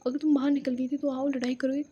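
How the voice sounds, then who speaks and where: A woman voicing a feisty young woman who scolds in a rapid, bossy way and teases. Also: sits high, level tone, mellow, highs cut off, lightly acted. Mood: scolding.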